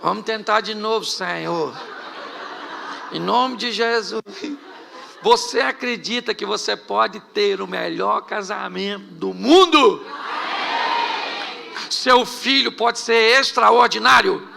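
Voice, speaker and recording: A middle-aged Brazilian pastor from Rio de Janeiro with a Carioca accent, preaching a humorous sermon to a congregation and telling stories about himself. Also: male voice, high voice, slow, gravelly, pauses often, crowd noise, background noise. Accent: Carioca Brazilian Portuguese. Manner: humorous storytelling preacher, laughing at his own jokes. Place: church hall with a live congregation.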